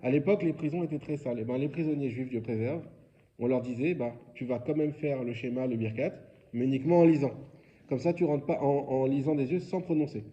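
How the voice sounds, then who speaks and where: A man's voice: medium pitch, fairly quick, warm tone, dull audio. A man leading a religious quiz lesson, explaining informally and asking his students questions. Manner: informal, explanatory, asks questions then answers. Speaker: rabbi teaching a class.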